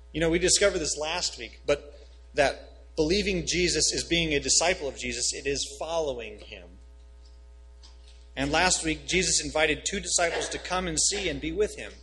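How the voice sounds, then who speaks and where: A man, a pastor reading scripture and preaching a sermon, rising in pitch and volume on key phrases. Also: bright, forceful tone, rough recording.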